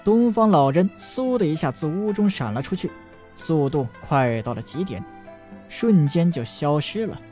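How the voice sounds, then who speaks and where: A man's voice: a little high, expressive, normal speed, darkish tone. A man narrating a fantasy novel as an audiobook, stretching out the particles at the ends of his sentences in a storytelling way. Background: faint background music.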